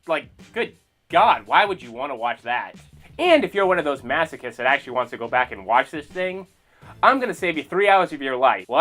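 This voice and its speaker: A man hosting a comedy commentary show, mocking and sarcastic, with quick animated asides. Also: on the high side.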